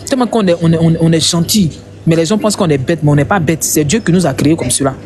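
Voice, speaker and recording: Ivorian guy ranting fast about his country, high voice, repeats himself a lot. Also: darkish tone. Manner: passionate, repetitive, emphatic. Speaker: commentator. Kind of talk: heated online commentary.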